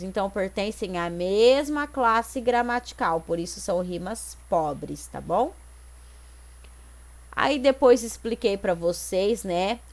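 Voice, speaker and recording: Brazilian woman, teacher, online lesson, step-by-step explanations, frequent tag questions. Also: mid-range voice. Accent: Brazilian Portuguese. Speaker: Portuguese teacher. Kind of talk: online lesson correcting exercises.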